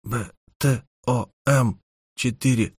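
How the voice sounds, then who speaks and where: A battered robot speaks extremely slowly in a hushed, halting way, as if each word takes effort. It is an ominous, cryptic audiobook character, recorded dry. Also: male voice, mid-range voice, breathy edge, no room sound. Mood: struggling, confused. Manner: slow, halting, labored, hushed. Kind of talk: scripted audiobook character acting.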